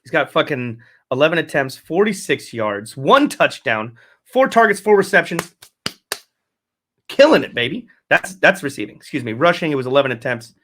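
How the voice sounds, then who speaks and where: Male host, slightly high-pitched, casual solo rant, heavy swearing, rambles and backtracks. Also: very animated, normal speed, a bit bright. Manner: profane, rambling, self-correcting. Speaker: fantasy football podcast host.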